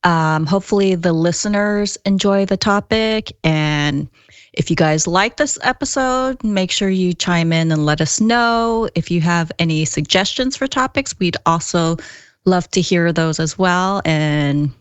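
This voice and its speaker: A woman's voice: fairly low pitch, unhurried, smooth, no room sound. A woman hosting a podcast in casual conversation. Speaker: podcast co-host. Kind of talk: casual chat.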